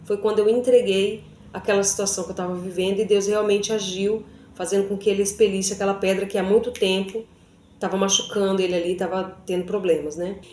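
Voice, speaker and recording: Woman telling her testimony, talks right to viewers, mid pitched, echoey room sound. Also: steady tone, brisk, darkish tone, slight background noise. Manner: chatty, keeps addressing viewers with tag questions. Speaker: vlogger giving a faith testimony. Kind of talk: personal testimony storytelling.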